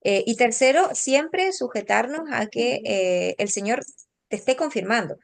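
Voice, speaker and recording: A woman's voice: a little high, animated, a little slow, creaky. A woman hosting a casual Bible study discussion, speaking thoughtfully with hesitant fillers.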